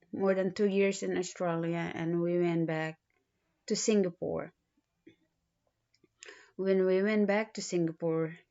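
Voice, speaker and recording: A woman in her thirties from the Philippines, speaking with a Filipino accent, introducing herself in a halting way with many pauses and restarts. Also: on the low side, darkish tone. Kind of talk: self-introduction video. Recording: dull lo-fi recording.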